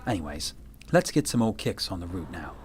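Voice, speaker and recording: A man's voice: deep voice, big pitch swings, a little fast. A man voicing an easygoing dog that narrates a road trip, in a chatty, playful documentary narration. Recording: music underneath.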